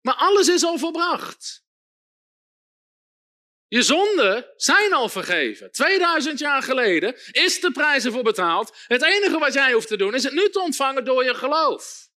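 Male preacher, high pitch, very animated delivery, emphatic and repetitive, calls out amens. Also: moderate pace. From Netherlands. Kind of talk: sermon.

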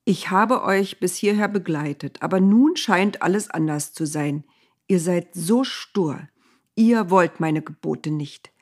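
A woman voicing God speaking from a cloud, calm, stern and unmoved, in a spoken Bible story. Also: on the low side, slow.

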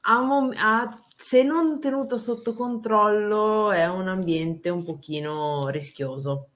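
A woman's voice: medium pitch, slow pace, a bit bright. A woman speaking candidly in an informal, blunt, slangy way in a conversational interview. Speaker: wrestler and guest.

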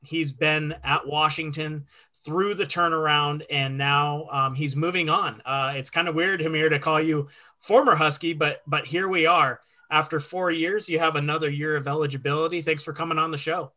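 A man's voice: fairly high pitch, fairly even intonation, moderate pace, sharp tone. A man co-hosting a sports talk show, reading the sponsor spot and introducing the guest in an upbeat, announcer-like way. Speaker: show co-host. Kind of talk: podcast intro and sponsor read.

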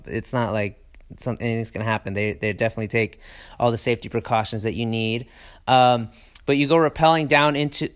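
Enthusiastic rambling man, smooth voice. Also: medium pitch, a bit bright. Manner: rambling, enthusiastic, many fillers and restarts. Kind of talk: casual travel chat.

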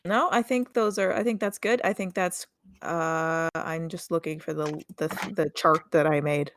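A woman's voice: low voice, fairly even intonation, normal speed. A woman running a role-play session in a casual chat, hesitant and repeating words as she organizes. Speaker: game master.

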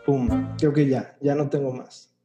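Playful Mexican podcast host. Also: male voice, mid-range voice, level tone, unhurried, dull audio, music in the background. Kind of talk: casual podcast chat.

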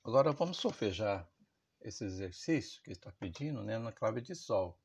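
A man's voice: lowish voice, expressive, normal speed, gravelly, darkish tone, slightly rough, highs cut off. A man teaching a music theory lesson, explaining patiently and often checking that his listeners follow.

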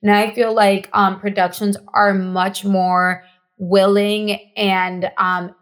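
On a casual podcast, a guest from Mexico, Spanish being her native language, speaks earnestly and slowly in a medium-pitched, level voice. She restarts often and repeats phrases to drive points home.

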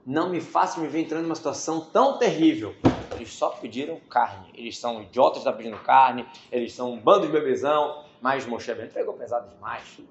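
Joking male Torah teacher, echoey room. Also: medium pitch. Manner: conversational, joking asides, quick rhetorical questions. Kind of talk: casual Bible study class. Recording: echoey room, dull lo-fi sound, faint hiss.

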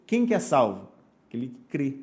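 A man's voice: mid-range voice, huge pitch swings, a little fast, darkish tone. A man, a pastor, telling his conversion story on a podcast in an earnest, preacherly way. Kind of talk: podcast testimony.

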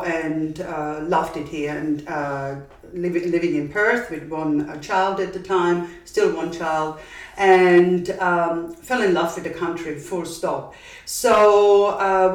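An older woman with an Austrian accent recounts how her business began, pausing often on "um" and "uh" and circling back mid-sentence. She is recorded a little way off the microphone in an echoey room, so her voice carries a roomy tail. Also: on the low side, darkish tone. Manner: hesitant, many fillers and restarts. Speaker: business founder. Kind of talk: interview storytelling. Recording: echoey room, distant mic.

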